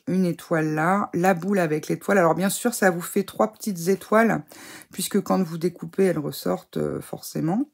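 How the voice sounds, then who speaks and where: A woman who is ill talks to camera in a relaxed, chatty way, full of fillers and eager praise. Her voice sits low and sounds rough and fry-laden, with a breathy huskiness from her cold. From France. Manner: enthusiastic, chatty, many fillers and gushing praise. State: sick, voice affected. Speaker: scrapbooking crafter reviewing a subscription box. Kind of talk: casual unboxing chat to camera.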